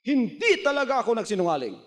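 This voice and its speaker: A man voicing an astonished adult man who scolds children for lying, in a high, incredulous tone, heard within a sermon. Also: very animated, fast. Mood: scolding disbelief.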